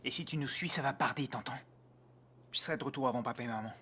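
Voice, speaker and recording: Threatening teenage big brother played by a young man, medium pitch, French film dub, slight noise. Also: fast, sharp tone, lightly acted. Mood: menacing. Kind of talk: French-dubbed film dialogue. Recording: faint background noise.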